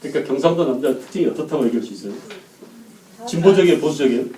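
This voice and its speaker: A man lectures on history to a live class, often stopping to question the room. His voice sits high yet mellow. He is picked up from some distance away, and the room rings with echo. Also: lively intonation, racing. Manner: questions the class and acts out quotes. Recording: echoey room, mic at a distance.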